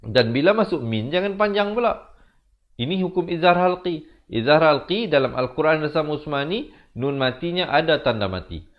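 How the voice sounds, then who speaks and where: A man with a Malaysian Malay accent teaching Quran recitation rules, moving between slow drawn-out demonstrations and quick explanations that trail off softly. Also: mid-range voice, muffled recording.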